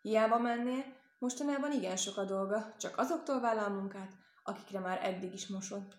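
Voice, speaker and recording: A woman's voice: mid-range voice, reverberant, close to an everyday voice. A woman voicing a clever, helpful male rabbit in a storybook reading, earnest and persuasive. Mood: persuading.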